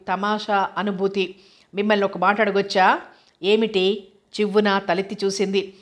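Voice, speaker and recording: A woman reading a novel aloud as narrator, in an even, unhurried storytelling manner. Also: medium pitch. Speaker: audiobook narrator.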